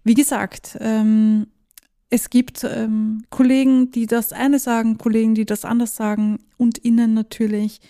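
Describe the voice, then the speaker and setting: A German-born woman hosts her own podcast, talking casually on her own in a chatty way, slipping in English phrases and laughing now and then. Her voice sits on the high side, with a level, warm tone and an unhurried pace.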